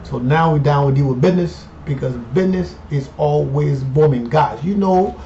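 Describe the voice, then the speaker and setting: Speaking at a moderate pace in a mellow voice on the high side, this Colombian investing-channel host in his fifties talks through a casual portfolio update. He keeps it chatty, frequently tacking on "you know" and "okay." The recording has faint noise, room echo, and a dull lo-fi quality.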